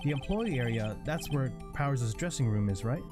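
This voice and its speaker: Performer as a deadpan, sheepish young male lawyer. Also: mid-range voice, normal speed, music in the background, close to an everyday voice.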